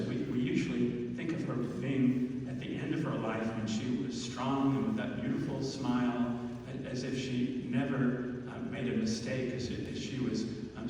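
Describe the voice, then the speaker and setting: Slow, halting homily from a man, echoing church. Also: medium pitch, a little mellow. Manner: halting, hesitant delivery with frequent pauses. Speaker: preacher giving a homily. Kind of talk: pulpit homily at Mass. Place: large reverberant church, speaking to a congregation. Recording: echoey church hall, distant mic, faint noise.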